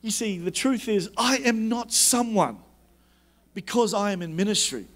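A man preaching a sermon as a pastor, emphatic and repetitive, dropping low and soft when he quotes God's words. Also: normal speed.

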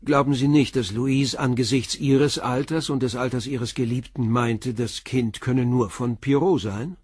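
Husky and mid-range, a man's voice carries the role of a middle-aged police commissioner in a German radio crime drama, calm and persistent, asking measured, blunt, probing questions. The recording is dry and studio quality.

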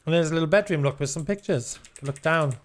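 A man chats casually through a live game stream. His voice sits a little high for a man, and his manner is talkative and teasing. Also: fast. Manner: chatty, teasing. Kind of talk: casual live gameplay commentary.

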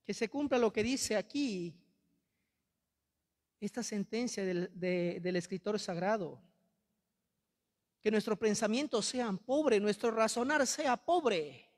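A young priest from Peru preaches in a large church, his Peruvian Spanish accent clear as he speaks into a handheld mic. His voice is high and slow with frequent pauses, and he sounds impassioned and reproachful, repeating phrases for rhetorical effect. Long reverb from the church fills the recording.

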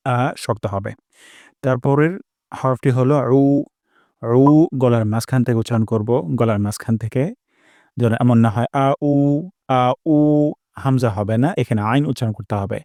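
A man teaching Quran recitation, explaining each sound patiently and drilling it through repetition, with slow, drawn-out chanted examples. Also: mid-range voice, darkish tone, no echo, clean studio sound. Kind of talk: spoken lesson on Arabic pronunciation.

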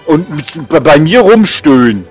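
Guy gaming w a buddy, yells directions, very bouncy voice, bit of music under it. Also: a little high. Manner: lively, shouts out directions in rapid repeats. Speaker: let's play co-player. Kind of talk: casual gaming banter.

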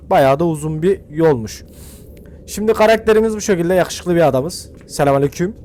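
A young man casually commenting as he plays a video game for his channel, chatty and slangy, thinking out loud as he goes. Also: sits high, slight background noise. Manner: chatty, slangy, thinks aloud while playing. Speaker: gaming YouTuber. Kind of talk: casual let's-play commentary.

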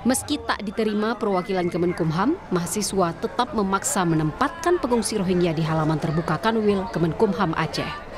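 A woman field reporter, reading a news report in a steady, formal voice. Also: medium pitch, a little fast.

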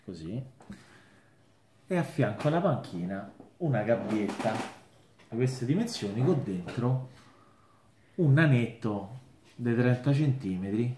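A man tells a long joke at a relaxed, slow pace. His pitch rises and falls a lot as he acts out each character. The sound is roomy and echoey, with faint noise underneath. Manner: unhurried, lively storytelling, shifts into character voices. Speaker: joke teller. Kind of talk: storytelling a joke.

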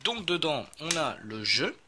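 A man's voice: a little high, very animated, measured pace, background noise. A man chatting casually as he unboxes a game, rambling with many fillers and self-corrections.

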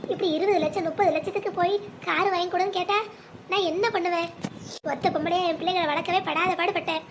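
A devoted cartoon mother, anxious yet tender, coaxing her child with endearments, voiced by a woman. Her voice is very high and brisk. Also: noisy background. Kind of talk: animated family drama voicing.

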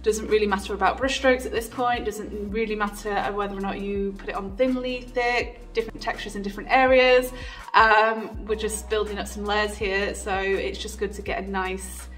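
A woman giving a casual, chatty voice-over for a painting tutorial, relaxed, with frequent ums. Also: medium pitch, normal speed, far from the mic, faint music behind.

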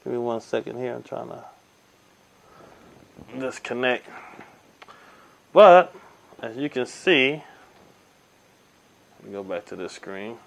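A man's voice: medium pitch, lively intonation, slow, gravelly, pauses often. A man giving a casual hands-on tech demo at a table indoors, narrating each step with frequent ums and uhs. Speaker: tech reviewer. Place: indoors at a table by window blinds.

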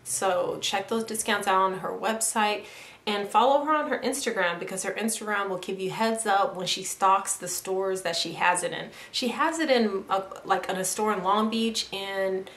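A woman's voice: medium pitch, moderate pace, a bit bright. A young woman, chatting enthusiastically in a casual product review vlog and filling her talk with "like". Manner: chatty, enthusiastic, fills speech with "like". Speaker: YouTuber. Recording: echoey room.

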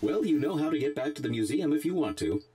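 An actor playing a formal, matter-of-fact robot guide in a video game, heard through a robot voice effect. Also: male voice, a little high, lively intonation, fast. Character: helpful museum robot guide, dry and formal. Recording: game audio with background noise.

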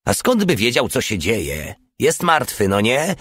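A man voicing a sly, greedy male soldier, pitching his voice up into a cheeky, callous tone. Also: wildly swooping pitch, measured pace, fairly bright tone, slightly rough, no room sound, clean studio sound, heavily acted.

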